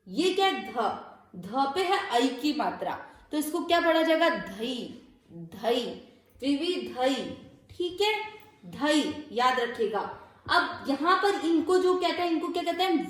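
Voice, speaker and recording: Female recitation teacher, high-pitched, deliberate pace, heavy room echo. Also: sing-song. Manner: patient, slow, repeats syllables and asks rhetorical questions. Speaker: Sanskrit pronunciation teacher. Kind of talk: step-by-step recitation lesson. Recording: very echoey room.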